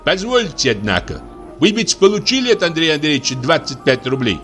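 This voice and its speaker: A man's voice: on the high side, big pitch swings, fairly quick, fairly bright tone, faint music behind, voice pushed up. A man voicing a pompous young groom who presses pointedly. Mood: demanding. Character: pompous young male groom, a petty official.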